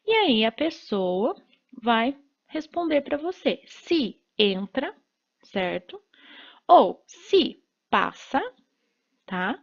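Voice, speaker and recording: Woman teacher explaining slowly, lo-fi. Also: on the high side, sing-song, vocal fry. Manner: explains slowly, checks in with "né?" and "certo?". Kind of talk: recorded classroom lesson.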